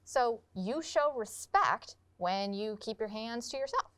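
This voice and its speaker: A woman teaching kindergartners in an online classroom lesson, a little tired but calm, patiently explaining classroom rules with affirming murmurs. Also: a little high, measured pace, smooth.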